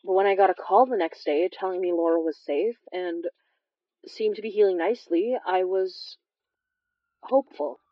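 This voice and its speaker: Her voice is on the low side as she plays a wry, watchful immigrant healer, confiding the horror audio drama's narration slowly and leaving dramatic pauses. The recording sounds muffled with no room sound, and her acting is light. It feels uneasy and brooding.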